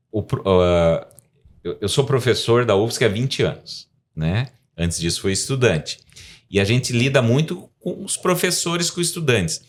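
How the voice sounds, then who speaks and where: Brazilian professor explaining at length. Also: male voice, medium pitch. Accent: Brazilian Portuguese. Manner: explanatory, rambling, frequent tag questions. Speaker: guest scientist and professor. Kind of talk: podcast interview.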